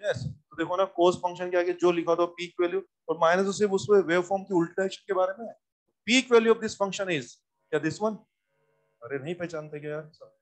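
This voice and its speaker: A man teaching physics in a lively classroom lecture, coaxing students with repeated questions and reminders. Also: high voice, fast.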